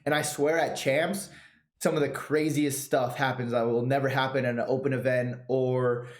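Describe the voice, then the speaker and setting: Male podcast host, mid-pitched, relaxed and chatty, roomy echoey sound. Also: normal speed. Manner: relaxed, chatty, recaps past matches. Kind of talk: casual chat.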